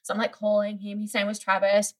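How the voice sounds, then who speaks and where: Fairly quick and mid-pitched, a young female guest chats casually while recounting a story. She's an animated storyteller who leans heavily on "like" and imitates the voices of the people involved.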